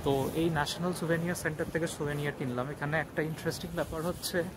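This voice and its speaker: A man talking casually as he walks, vlogging a city trip, with many filler sounds and a lowered voice in quiet spots. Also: steady tone, fast talker. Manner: chatty, many filler sounds, drops to a hush in quiet areas. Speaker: travel vlogger. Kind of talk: casual walking vlog commentary. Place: outdoors on city streets. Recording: outdoor street noise with traffic. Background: city street noise and vehicles.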